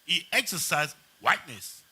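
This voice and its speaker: A man talking as a panelist in a casual discussion, animated and stumbling over restarts. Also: on the high side, normal speed.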